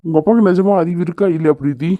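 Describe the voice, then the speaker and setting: A man's voice: on the high side, racing, dry recording, natural voice. A man voicing a brash young husband who is blunt and teasing but protective of his wife, in a cartoon. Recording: dry, phone-like narrow sound.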